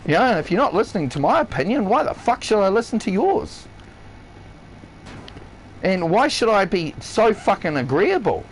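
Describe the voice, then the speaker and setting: A man with a high voice that leaps up and down his range as he vents on a live game stream. He is blunt, swears constantly, and hammers each point home. A faint hiss sits under his voice. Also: big pitch swings, normal speed, low-quality recording. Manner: blunt, heavily profane, emphatic rant. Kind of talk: ranting livestream monologue. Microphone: console headset or stream mic.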